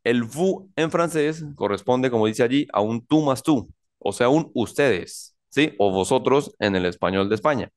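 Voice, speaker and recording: A man teaching a French grammar class in a slow, deliberate lecture, often repeating himself and checking in with his students. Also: medium pitch, lively intonation.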